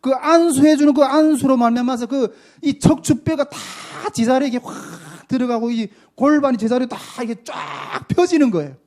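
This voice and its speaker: A middle-aged male pastor giving an emphatic testimony sermon, swinging between loud and soft. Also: extremely high pitch, expressive, normal speed, few pauses.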